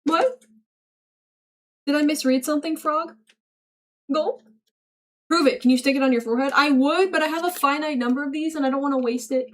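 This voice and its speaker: A woman's voice: high voice, fast. A young woman streaming, reading chat aloud and joking back in a playful, mock-serious way. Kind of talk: casual livestream chat.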